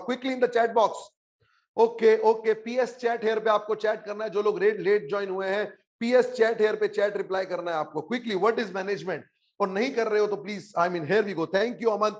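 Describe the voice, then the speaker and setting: A man with an Indian English accent teaching a live online class, mixing Hindi and English and urging students to reply in the chat. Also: high-pitched. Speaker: online exam coaching teacher.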